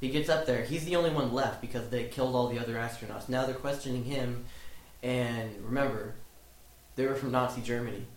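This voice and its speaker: A man's voice: mid-range voice, fairly even intonation, fairly quick. A young man casually retelling a movie plot to friends, rambling with lots of fillers and swearing. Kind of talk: casual chat among friends. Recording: echoey room, faint noise.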